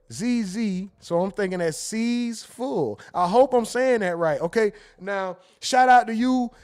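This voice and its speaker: A man hosting a casual livestream, reading viewer comments aloud and reacting with quick asides and laughter. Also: sits high, darkish tone. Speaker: livestream host reading super chats.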